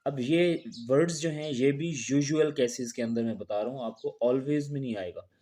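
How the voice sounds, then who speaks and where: A man's voice: medium pitch, moderate pace, mellow. A man teaching an English pronunciation lesson, explaining rules step by step. He talks patiently, repeats each rule and example, and asks questions that he answers himself.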